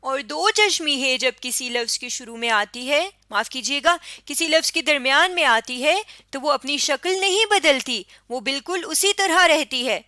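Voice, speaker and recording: A woman's voice: sits high, pushed and bright, no room sound, studio quality. A woman with a Pakistani Urdu accent, an Urdu teacher giving a patient lesson voice-over, repeating and correcting herself as she explains.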